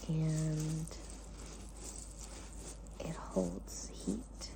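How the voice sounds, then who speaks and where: A woman hosting ASMR in a soft, hushed whisper, speaking in short unhurried phrases with pauses between them. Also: low-pitched, animated, low-quality recording. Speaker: ASMR host.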